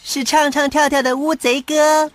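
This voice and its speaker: A woman voicing a lively, friendly young adventure companion in a children's cartoon, childlike and emphatic. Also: high voice, normal speed, faint music behind, natural voice. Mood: excited. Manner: childlike, emphatic echoing of phrases. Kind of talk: children's cartoon dub acting.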